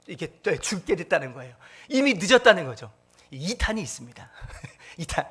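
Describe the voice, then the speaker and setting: A man's voice: sits high, bright, forceful tone. A male pastor preaching a sermon in church. He keeps asking the congregation questions and repeating the key point back to them. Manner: quizzes the congregation with call-and-response questions. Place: church sanctuary.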